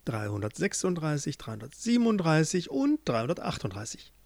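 A man's voice: fairly high pitch, big pitch swings, a little fast, darkish tone, no echo. A man doing a chirpy, scatterbrained millipede lady. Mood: distracted. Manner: chirpy, distracted, rambling. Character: cheerful scatterbrained female millipede.

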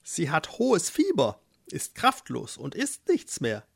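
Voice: mid-range voice, huge pitch swings, takes it slowly, vocal fry, breathy edge, dry recording, studio quality, full character voice. A storyteller voicing an impatient, pushy male mole who talks in an urgent, bossy way, for a children's storybook.

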